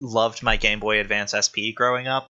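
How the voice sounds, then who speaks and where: Bright-voiced joking podcast co-host man. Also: lowish voice, steady tone, moderate pace, muffled recording, a little hiss or hum. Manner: rambling, self-deprecating, jokey. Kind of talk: casual chat.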